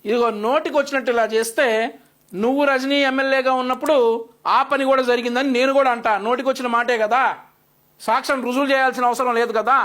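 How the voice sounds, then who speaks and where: A man's voice: very high-pitched, steady tone, fast, fairly bright tone. A male news commentator delivering an opinionated, scolding rebuttal with a sarcastic edge.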